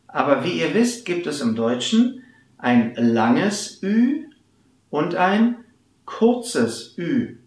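A man teaching pronunciation, speaking slowly and enunciating each model word with care. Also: a little high. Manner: slow, carefully enunciated, repeats model words. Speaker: German teacher. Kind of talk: slow pronunciation lesson. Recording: echoey room.

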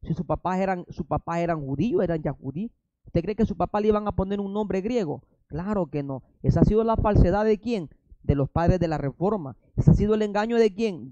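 A man's voice: high voice, dark tone, dry recording, highs cut off. A man preaching a fiery sermon with a Salvadoran Spanish accent, firing rhetorical questions and breaking in with emphatic interjections.

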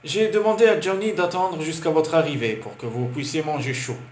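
A cold, aloof billionaire, read by a male narrator, clipped and distant in every word. The voice sits a touch high for a man and rings in a roomy space with a faint hiss. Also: a little fast, a little mellow, close to an everyday voice. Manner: curt, cold.

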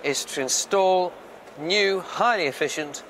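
An older man speaking to camera at a trade fair, explaining energy trends in a measured way with occasional hesitations, recorded on a lapel mic. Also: high voice, a bit bright, slight background noise. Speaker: futurist speaker. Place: large indoor trade fair hall.

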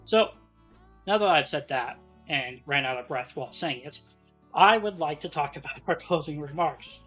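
A podcast host in a casual show chat, playful and animated, laughing often. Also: medium pitch, moderate pace, husky, faint music behind.

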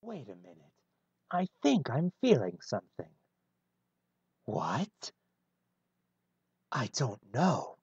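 A man voicing a gruff, brooding male hedgehog antihero in a one-take fan reading of a film script, deadpan and husky. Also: medium pitch, takes it slowly, long pauses, dry recording, dull audio, heavily acted.

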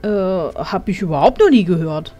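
A woman's voice: fairly low pitch, expressive, moderate pace, mellow, lo-fi sound. A woman giving casual, sardonic let's play commentary on a video game. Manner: sardonic, wry. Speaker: let's player. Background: game music.

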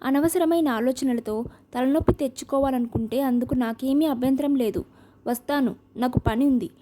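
A woman's voice: high-pitched, moderate pace, dark tone, natural voice. A woman reading as a curt, aloof man. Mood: curt, cold.

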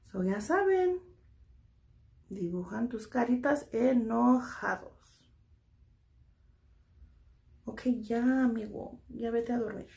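A woman teaching a children's drawing lesson, gently checking in with "ok" after each step and slipping English "so" into her Spanish. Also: fairly high pitch, animated, slow, creaky, pauses often. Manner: soothing, talks to toy friends.

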